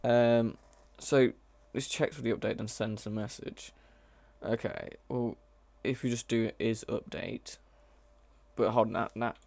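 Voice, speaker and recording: A male mod developer narrates his coding live in a mid-range, darkish voice, keeping a steady tone and an unhurried pace with some vocal fry. It's loose, think-out-loud commentary with frequent hesitation and self-correction, recorded dry.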